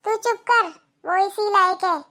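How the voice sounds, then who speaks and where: A bossy old mother-in-law snaps and scolds in a cartoon, as a woman puts her on. The voice sits very high and sharp. Her tone is contemptuous and domineering throughout. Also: fairly even intonation, measured pace, full character voice. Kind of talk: Hindi cartoon voice acting.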